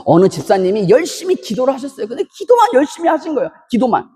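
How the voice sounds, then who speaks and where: A Korean pastor preaching an emphatic sermon in a church, breaking into loud shouted bursts between storytelling asides. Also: high-pitched, sing-song, quick pace, husky. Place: church sanctuary. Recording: long reverb of a church hall.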